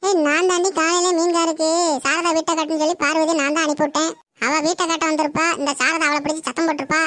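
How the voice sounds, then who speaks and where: Woman voicing a gossipy village neighbor, Tirunelveli Tamil accent, high bright cartoon voice, dry sound. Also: little pitch movement, fast, no room sound. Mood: gossiping. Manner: chatty, fussing.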